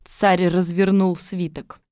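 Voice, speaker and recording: A woman narrating a fairy tale in an even storytelling manner. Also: lowish voice, takes it slowly, no echo, clean studio sound.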